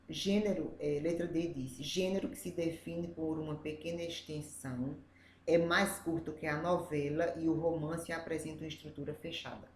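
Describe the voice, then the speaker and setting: A woman teacher with a Brazilian Portuguese accent, going through review exercises step by step and often checking in with "né?". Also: sits low. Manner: explains step by step, often adds "né?". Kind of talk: reviewing exercises for adult students. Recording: echoey room, faint ambient noise.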